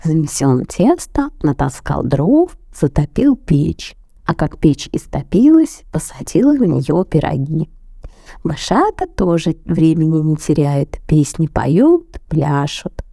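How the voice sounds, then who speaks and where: A woman reads a children's fairy tale aloud in an expressive storyteller's voice. Her pitch rises and falls in a lively, singsong way, while her tone stays mellow and soft. The recording is dry and close. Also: slow, gravelly, no echo. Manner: expressive, animated.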